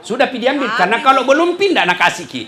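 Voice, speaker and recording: A man preaching a humorous sermon, acting out dialogues and swinging between shouting and soft asides. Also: extremely high pitch, very animated, quick pace. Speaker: Islamic preacher. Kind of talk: lively sermon to a crowd. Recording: crowd and faint noise behind.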